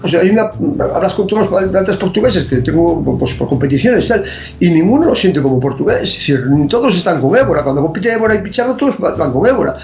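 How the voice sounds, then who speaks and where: A slightly higher-voiced man talks through his views as an athletics expert in an interview. He sounds opinionated and analytical, keeping a conversational tone. The recording is roomy and muffled, like a lo-fi capture in a reverberant space. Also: lively intonation, fast talker, creaky, a little mellow, a little hiss or hum.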